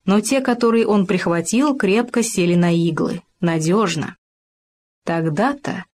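A woman narrating a children's animal tale in a lively, expressive way. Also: lowish voice. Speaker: storyteller. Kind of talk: storybook narration.

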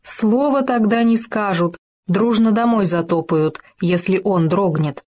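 A woman narrating a children's story in a lively, expressive reading. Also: medium pitch, unhurried.

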